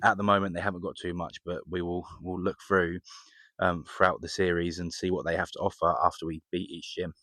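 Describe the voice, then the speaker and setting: A man co-hosting a podcast, explaining details in a measured, step-by-step way. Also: deep voice, flat delivery, bright, forceful tone, dry recording. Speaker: podcast co-host. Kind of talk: casual chat.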